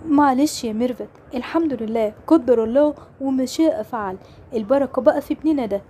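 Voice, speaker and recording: A woman plays a young Egyptian father in a homemade game drama, consoling and earnest. He talks quickly and repeats himself. The voice is high and mellow rather than bright. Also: breathy edge. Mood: shocked, consoling. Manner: earnest, comforting, fast and repetitive. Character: young father grieving his lost twin son. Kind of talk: toy-game role-play drama.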